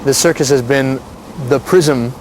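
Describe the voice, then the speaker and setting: American guy chatting to camera, mid pitch, showy drawn out words, bit of street noise. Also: unhurried, a little mellow, poor audio. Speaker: circus ringmaster showing his life on tour. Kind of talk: casual to-camera vlog talk. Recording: faint outdoor and vehicle noise. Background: faint outdoor noise.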